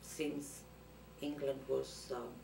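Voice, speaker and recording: An older woman from Cyprus, answering interview questions hesitantly with many pauses. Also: rumbling low, little pitch movement, gravelly. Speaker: interviewee, student's mother. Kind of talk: recorded interview. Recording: roomy, distant, noisy.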